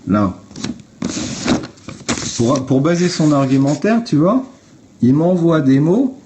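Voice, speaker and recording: A man's voice: on the high side, expressive, slow, dark tone. A man on a phone livestream, talking to viewers in a blunt, informal way and explaining step by step. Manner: blunt, informal, swears, addresses viewers directly. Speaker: livestream host. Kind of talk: casual explanatory livestream talk.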